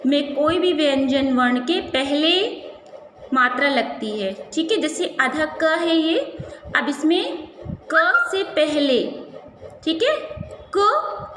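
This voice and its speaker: A woman teaching a primary school Hindi class, sounding out words slowly syllable by syllable and asking and answering her own questions. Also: sits high, lively intonation, fairly bright tone. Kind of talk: classroom lesson, slow syllable-by-syllable drilling. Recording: echoey room with faint ambient noise.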